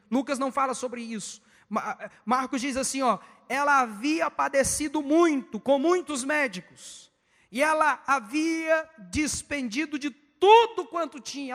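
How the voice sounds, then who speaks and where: A man with a Brazilian Portuguese accent, preaching an evangelistic sermon in a church, fast and emphatic with sudden loud peaks. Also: extremely high pitch, in a large hall.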